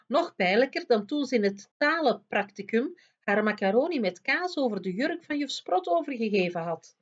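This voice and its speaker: Een vrouw die een kinderboek hardop en expressief voorleest. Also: female voice, medium pitch, lo-fi sound. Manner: expressive, lively storytelling. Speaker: storyteller reading aloud. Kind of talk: reading a children's book aloud.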